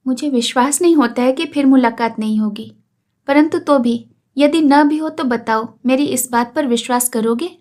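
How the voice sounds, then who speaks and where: A woman reading aloud who gives a sharp-tongued young woman a higher, lilting, mocking voice. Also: normal speed, lightly acted. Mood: pleading. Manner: mocking, lilting, raised pitch.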